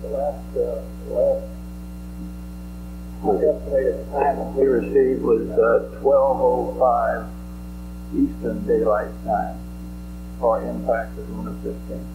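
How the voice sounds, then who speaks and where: A man asking questions as a reporter at a press conference, formal and a little halting. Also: medium pitch, little pitch movement, narrow, tinny audio. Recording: noisy archival audio with mains hum.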